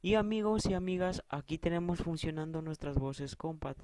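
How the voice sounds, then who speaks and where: A man hosting a relaxed tech tutorial, with a mellow and slightly high voice. He calmly walks viewers through each step. The recording is dry and close. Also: moderate pace, dry recording. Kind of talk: casual screen-reader tutorial.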